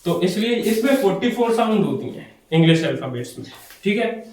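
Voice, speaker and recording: Male English teacher, high voice, lecturing and quizzing the class, distant camera mic in a very echoey hall. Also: very animated, a little fast, darkish tone. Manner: explains step by step, asks and answers his own questions. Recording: very echoey room, voice from afar.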